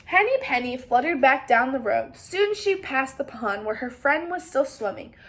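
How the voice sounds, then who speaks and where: A high-pitched woman reads a children's story aloud expressively, stopping now and then to ask her young listeners questions. There's a little hiss or hum in the recording.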